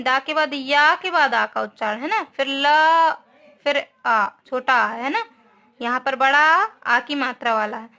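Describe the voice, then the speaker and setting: A woman's voice: high voice, bright, forceful tone. A woman teacher giving a grammar lesson to schoolchildren, spelling out each word, asking the class questions and often adding a short tag question.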